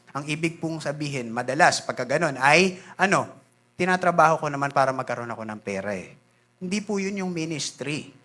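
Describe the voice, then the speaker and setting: A male pastor from the Philippines preaching a sermon in an animated way, switching between Tagalog and English and acting out church members. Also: on the high side. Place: church sanctuary.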